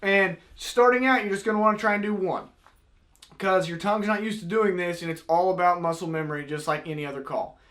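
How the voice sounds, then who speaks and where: A man with a notably high voice teaches hunting calls in a casual tutorial style. He is plain-spoken and folksy, walking through technique step by step like an everyday instructor. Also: fairly even intonation, fast, fairly bright tone. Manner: folksy, plain-spoken, demonstrates with spoken sound syllables. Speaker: duck call maker and instructor.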